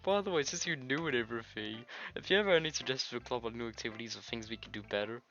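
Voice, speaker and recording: Talking very fast at a medium pitch with a fairly bright tone, a sick man reads out visual novel dialogue and giggles through his own asides. He's badly stuffed up from a cold and keeps coughing. Game music runs under his dull, lo-fi mic.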